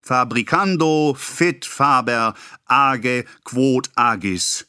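A male narrator voicing a pompous, excitable middle-aged apothecary who rants and scolds in a self-important way. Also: on the high side, slow, no echo, studio quality, voice pushed up, full character voice. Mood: scolding. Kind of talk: audiobook character voice.

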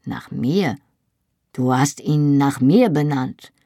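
A bitter, anguished young man, his pained outbursts breaking through, as a woman reader voices him. The voice sits low and husky, recorded close and dry with no room around it. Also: slow, dark tone, dry recording, heavily acted.

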